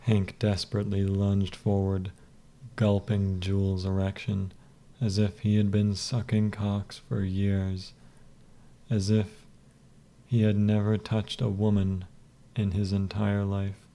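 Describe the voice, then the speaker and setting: A man reading a story aloud in a slow, soft, even delivery. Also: on the low side. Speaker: narrator. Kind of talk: scripted story narration.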